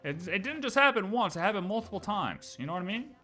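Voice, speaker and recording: This livestreamer talks fast in a high, sing-song voice that is bright and forceful, with faint music behind. He speculates about a game's story in casual, slangy, rambling chat, repeating phrases for emphasis.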